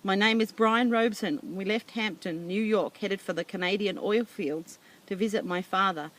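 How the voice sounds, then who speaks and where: A woman voicing a panicked young boy alone in a plane, pleading and shouting in a raised voice. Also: medium pitch, normal speed, close to an everyday voice.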